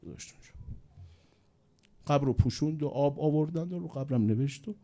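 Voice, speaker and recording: Dark-voiced man preaching a mournful sermon. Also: a little high. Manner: swings between loud exclamations and hushed, mournful lines. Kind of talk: religious sermon with storytelling.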